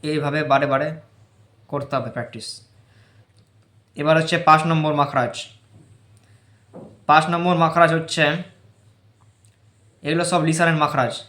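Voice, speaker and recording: Man, patient teacher, flat slightly high voice, echoey room. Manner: explains patiently, repeats letter sounds loudly for practice. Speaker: teacher of Quran letter pronunciation. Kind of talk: informal recitation lesson.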